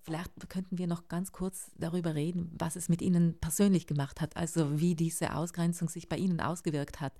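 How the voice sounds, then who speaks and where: A woman hosting a radio interview and asking calm, measured questions. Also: lowish voice.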